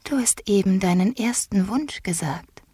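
A woman voicing a gentle, childlike girl empress in a whispered role-play, airy and tender. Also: mid-range voice, expressive, a little slow, breathy edge, dry recording, studio quality, pitched above the performer's own voice.

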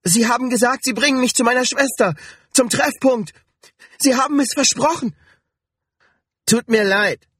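A man's voice: sits high, animated, measured pace, husky, dry recording, studio quality, pitched above the performer's own voice, full character voice. A man voicing a desperate, frightened mother on a boat, pleading and crying out in panic. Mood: panicked.

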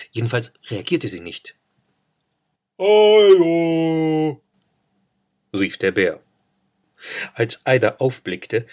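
A man reading a children's story aloud, expressive, with dramatic pauses and playful stammered repeats. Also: sits low.

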